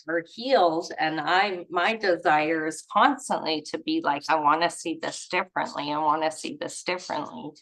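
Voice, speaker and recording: On an online group video call, a woman leads a spiritual study gathering, reading aloud and adding rambling, casual comments. She's informal and chuckles, trailing off as she searches for words. Her voice is on the low side with a fairly bright tone, and the audio quality is poor.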